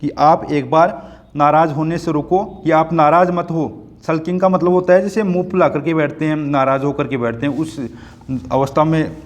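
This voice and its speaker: Patient Indian male teacher, slightly high. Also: steady tone, normal speed. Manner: patient, repetitive, keeps checking students understand. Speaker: school teacher. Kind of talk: classroom lesson explaining a poem.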